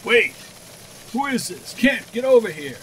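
Bossy excitable newspaper boss, gruff manner, old noisy radio drama. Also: male voice, very high voice, unhurried, exaggerated voice. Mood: agitated. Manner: brusque, commanding. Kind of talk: 1940s radio serial acting. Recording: noisy vintage 1940s radio recording.

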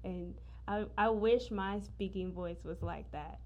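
A woman's voice: medium pitch, measured pace, lo-fi sound. A woman guest on a podcast, chatting casually and effusively with frequent giggles. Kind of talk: casual chat.

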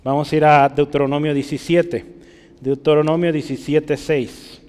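A pastor giving a conversational sermon, often checking in with his congregation with quick questions. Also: a little high, fairly even intonation, a little mellow, smooth. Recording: reverberant hall.

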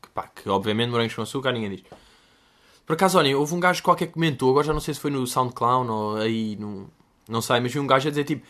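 Slangy young man with a European Portuguese accent. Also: fast. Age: 20s. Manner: animated, slangy, jumps into high-pitched voices to quote people. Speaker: podcast host. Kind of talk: casual storytelling monologue.

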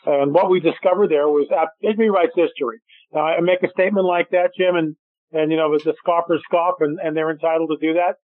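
Animated man on a phone line. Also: on the high side, a little fast, dry recording. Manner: animated storyteller, acts out quotes. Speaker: guest filmmaker. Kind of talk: radio interview. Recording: dry tinny phone line.

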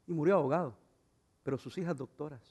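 A middle-aged man pastor preaching a sermon, swinging from loud fervent passages to quiet, intimate asides. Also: fairly high pitch, quick pace, gravelly, breathy edge.

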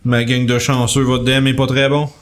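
A man's voice: medium pitch, flat delivery, a little fast. A man with a Québécois accent running a tabletop game, narrating with frequent laughs and restarts. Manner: chatty, laughs often, stumbles and restarts while narrating. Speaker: game master.

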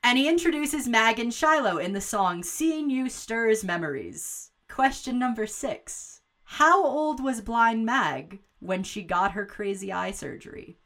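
A woman hosting a casual watch-along podcast, recapping a film and reading out trivia questions in an animated, laughing manner. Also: on the high side, a little slow, hardly any pauses. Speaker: podcast host.

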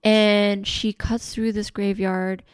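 A woman telling a story in casual chat, animated and full of "like", with casual swearing. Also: medium pitch, slow pace, clean tone, dry recording.

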